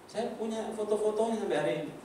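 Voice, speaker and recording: Speaking very fast in a high-sitting voice, an older pastor gives a sermon testimony from his own life, full of animated storytelling, asides to the congregation, and impersonations of others' voices. The church hall recording is distant and echoey, with a little background noise.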